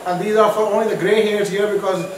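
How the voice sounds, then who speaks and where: A man from Pakistan, a guest on stage, tells his story in a chatty, self-mocking way, full of fillers and restarts. His voice sits high, and he is picked up from a distance in an echoey room with steady noise behind. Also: fast. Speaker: guest entrepreneur.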